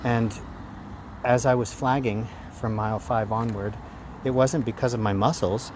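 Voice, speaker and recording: A man talking casually and reflectively to a handheld phone in a rambling vlog, in halting phrases. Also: mid-range voice, steady tone. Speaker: running vlogger. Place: outdoors after a run. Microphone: handheld phone camera at arm's length. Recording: outdoor noise, traffic ambience.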